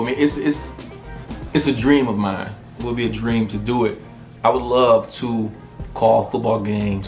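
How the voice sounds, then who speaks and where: A man, hosting a podcast and telling stories in a casual, comedic monologue. He is animated and profane. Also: on the low side. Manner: animated, profane storytelling with frequent laughter. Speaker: podcast host. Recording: roomy echo with faint music.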